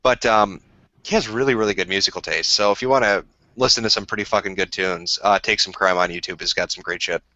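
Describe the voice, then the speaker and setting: Drunk, bright-voiced Minnesotan man. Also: low voice, fast talker, dry recording, muffled recording. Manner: crude, rambling, laughs often. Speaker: streamer. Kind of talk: casual livestream chat.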